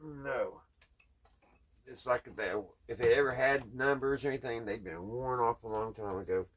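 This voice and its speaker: Here the radio-restoring vlogger, who has a Southern US accent, speaks at medium pitch and a moderate pace. His repair talk stays casual and practical, folksy and halting, as he reasons aloud along the way.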